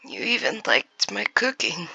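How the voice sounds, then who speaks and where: A woman voicing a lonely, gentle young man in a forest, in a whispered role-play with a hushed, pleading voice. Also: mid-range voice, big pitch swings, a little slow, gravelly, husky, dry recording, full character voice, rough recording. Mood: dying whisper.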